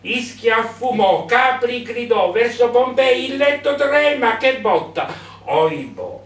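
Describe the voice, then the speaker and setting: A man performing a sound poem with a playful, drawn-out, rhythmic recitation at a poetry reading. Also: very high-pitched, lively intonation, fairly bright tone, far from the mic. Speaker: poet reading his work. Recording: echoey room from afar, faint music.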